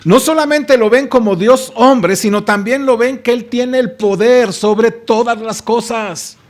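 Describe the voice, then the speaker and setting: A man's voice: very high voice, measured pace. A man preaching a sermon as pastor, emphatic, often asking his listeners rhetorical questions and calling them beloved brothers.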